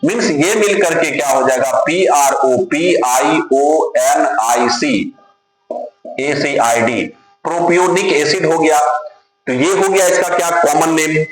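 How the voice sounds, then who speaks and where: A man's voice: fairly high pitch, normal speed. Man teaching chemistry in a very echoey room. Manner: spells names letter by letter, asks and answers his own questions; addresses students as dear children. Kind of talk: classroom lecture. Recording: very echoey room with music behind.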